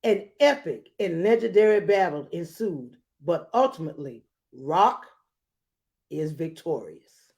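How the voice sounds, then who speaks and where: Reading a children's storybook with drama and playful asides, this woman uses a fairly low, darkish voice. Her intonation is lively while her pace stays unhurried.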